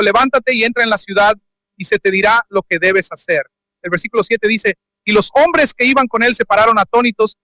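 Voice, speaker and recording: Bright-voiced man preaching a sermon. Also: sits high, no echo, rough recording. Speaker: pastor. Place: church sanctuary. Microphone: handheld or stand microphone.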